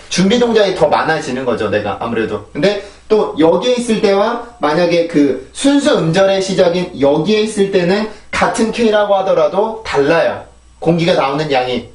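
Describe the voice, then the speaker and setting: Patient higher-voiced man teaching pronunciation. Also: echoey room, distant mic. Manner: explains patiently, repeating drill words three times. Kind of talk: recorded video lesson, explaining and modeling sounds.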